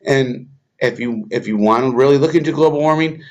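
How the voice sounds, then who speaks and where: A man's voice: mid-range voice, brisk. A man giving an angry, profane rant as he reacts to video clips, heated and contemptuous.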